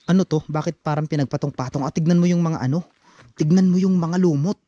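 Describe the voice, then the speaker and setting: A man vlogging as he explores an abandoned forest site outdoors, talking in tense, hushed phrases. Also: on the high side, fairly even intonation, quick pace, dry recording, muffled recording. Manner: tense, wary, talks in short hushed phrases. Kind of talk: hushed exploration vlog narration.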